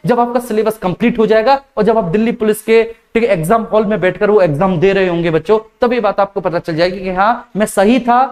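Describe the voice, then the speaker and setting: A man teaching live online speaks very high-pitched, slowly and with deliberation, restating key ideas and referring to his students as "beta."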